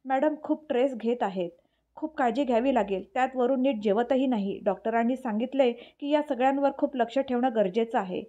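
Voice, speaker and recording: A stern, forceful young man with a protective streak, read by a woman narrator. His voice sounds mellow and a little high. It comes through on a dull, lo-fi recording. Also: a little fast, lightly acted. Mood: soothing.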